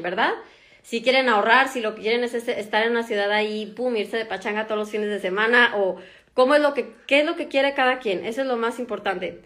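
A woman's voice: on the high side, a bit bright. A woman in her thirties with a Mexican accent, a doctor chatting casually to viewers from her home, laughing often and using many fillers. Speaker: doctor and vlogger. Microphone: phone camera.

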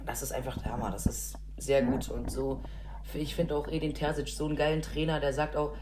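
A woman with a low, deep voice chats casually and enthusiastically as a podcast co-host, with plenty of filler sounds. A faint noise sits under the recording. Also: steady tone, a little fast. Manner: enthusiastic, chatty, many fillers. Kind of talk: casual chat.

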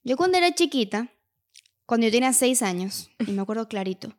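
A woman's voice: on the high side, expressive, fairly quick, a little mellow. Chatty young woman. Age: 20s. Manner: chatty storyteller, slangy and laughing. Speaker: podcast co-host. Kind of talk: casual chat.

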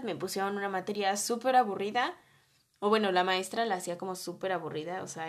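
A young woman with a Mexican accent, telling a story about her college days in a chatty way, full of slang and fillers. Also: mid-range voice. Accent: Mexican Spanish. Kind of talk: casual storytime.

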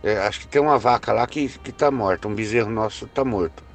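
A man's voice: lowish voice, a little fast, faint music behind, lightly acted. A man voicing a shaken older farmer who talks hesitantly and repeats himself.

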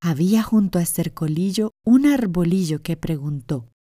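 A woman narrating a children's fairy tale in a gentle, expressive way. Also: fairly low pitch, normal speed, no echo, studio quality. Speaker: storyteller. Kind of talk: children's storytelling. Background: faint music.

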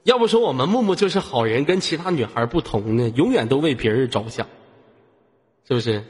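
A man's voice: medium pitch, expressive, fairly quick, breathy edge. A man hosting a live voice-chat room, teasing and playful as he banters. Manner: teasing, playful, laughs often. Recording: reverberant with loud background noise.

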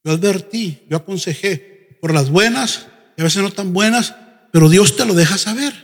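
A man preaching a sermon as pastor, animated and often mimicking congregants in quick asides. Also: sits high. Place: church sanctuary. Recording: church hall with long reverb.

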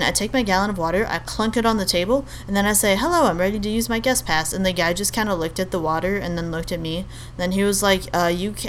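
On her podcast, a young woman from Albania talks in a loose, rambling monologue, often filling pauses, restarting and correcting herself. She has a lowish voice with a fairly bright tone, and slight background noise is present.

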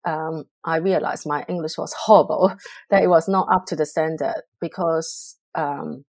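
In an interview, this Hong Kong woman, middle-aged and in public relations, responds in a reflective, measured manner full of pauses and fillers. She sits low in pitch with a steady, slightly mellow tone, and no room sound is audible.

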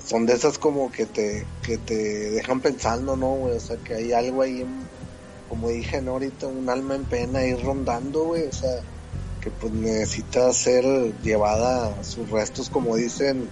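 A man chats casually as a podcast co-host and throws in slangy exclamations. Music plays clearly behind his voice. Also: mid-range voice, steady tone, moderate pace, rough recording.

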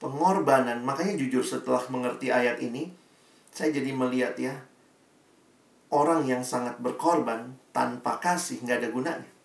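Male pastor, sermon, gravelly voice, echoey distant room sound. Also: moderate pace. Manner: animated, acts out quotes in a high pleading voice.

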